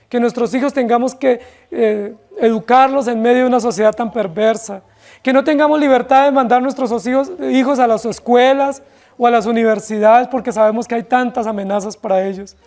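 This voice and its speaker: A man, a pastor, giving an expository sermon in a church, with impassioned, drawn-out wailing cries and rhetorical questions. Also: extremely high pitch, darkish tone. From Colombia.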